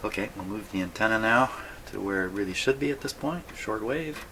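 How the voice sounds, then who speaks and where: Brisk and expressive with a fairly low pitch, a male vintage radio hobbyist who hosts videos gives a casual hands-on repair demo, thinking aloud in short musing bits. The recording from his indoor radio workshop is low quality, with loud hum and radio noise behind him.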